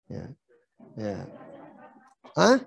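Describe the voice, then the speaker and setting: A man's voice: extremely slow, no echo, clean studio sound. A man giving a seminar lecture in a hotel meeting room. He talks in a chatty, joking way and keeps turning to the audience with "Pak". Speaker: seminar speaker.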